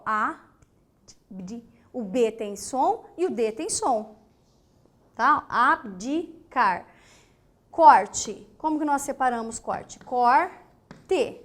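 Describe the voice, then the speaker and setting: Speaking with a Brazilian Portuguese accent in a voice that sits high, a woman teacher gives an emphatic grammar lesson. She repeats key words and checks in with the class.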